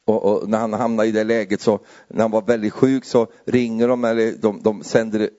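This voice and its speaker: Man preaching, rising to excitement. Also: muffled recording. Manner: conversational, often adds tag questions, grows louder and higher as he builds. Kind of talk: sermon.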